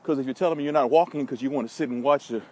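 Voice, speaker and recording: Talking very fast in a mid-range, slightly mellow voice, an American vlogger and social media marketing consultant strolls through a park and rambles casually and bluntly with wry, folksy remarks. Vehicles pass amid the city ambience of this noisy walking recording.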